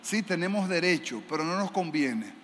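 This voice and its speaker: A man's voice: fairly high pitch, lively intonation, moderate pace, a bit bright. A man preaching a sermon as pastor, telling a story and acting out the dialogue with animation. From Dominican Republic. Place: large church sanctuary. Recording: reverberant church hall, faint noise.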